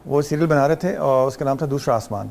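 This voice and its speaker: A man with a Pakistani Urdu accent, a guest on a talk show, telling stories in an animated way and sometimes mimicking Arabic phrases. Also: medium pitch, gravelly. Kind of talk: casual talk show conversation.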